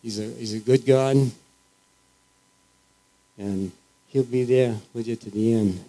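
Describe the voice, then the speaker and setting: A man giving an informal, earnest testimony in church, halting and restarting often as he speaks. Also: medium pitch, fairly even intonation, dark tone, poor audio. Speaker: church member sharing.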